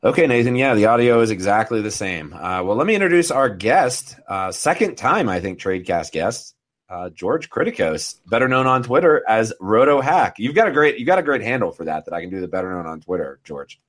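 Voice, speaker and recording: A man's voice: fairly low pitch, big pitch swings, brisk. A man hosting a sports podcast, welcoming listeners and teasing his co-hosts. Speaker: podcast host. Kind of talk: casual sports podcast chat.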